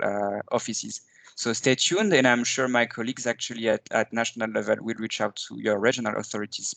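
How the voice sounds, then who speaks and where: Gravelly low-voiced man presenting online. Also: a bit bright, dry recording, poor audio. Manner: hesitant, frequent fillers. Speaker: conference presenter.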